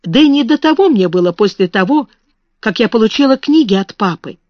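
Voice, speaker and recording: A woman voicing a timid, kind and slow-witted young girl who speaks plaintively, on a dull recording. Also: fairly high pitch, very animated, dry recording. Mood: excited. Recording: dull, slightly muffled recording.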